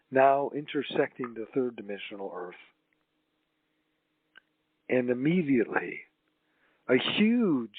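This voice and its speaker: A man leading a guided healing meditation as a spiritual channel, in a solemn, mystical healer manner with drawn-out, halting phrases. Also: mid-range voice. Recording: roomy, tinny phone-like line.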